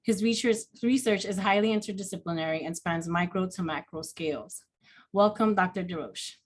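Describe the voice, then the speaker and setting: Lowish-voiced woman moderating a panel. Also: moderate pace, slight background noise. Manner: reads from notes with frequent ums. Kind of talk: formal event introduction.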